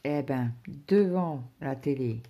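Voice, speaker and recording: A woman's voice: a bass voice, animated, slow pace, warm tone. A woman chatting casually to her viewers about her day, rambling, with many fillers and restarts. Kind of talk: casual personal chat to viewers.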